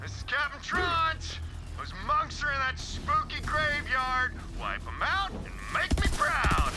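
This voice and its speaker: A blustering, arrogant army captain, barking orders and threats in a video game. His voice sits very high and leaps wildly up and down. Loud music plays under every line. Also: very animated, takes it slowly, full character voice. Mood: bossy. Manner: bossy, shouting threats over the radio.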